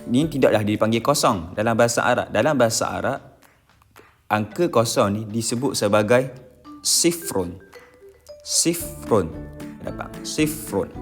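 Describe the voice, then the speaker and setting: A man with a Malaysian Malay accent, a religious teacher giving a recorded slide lesson, slowly repeating each term and often checking his listeners follow. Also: mid-range voice, soft background music. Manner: slow drilled repetition of terms.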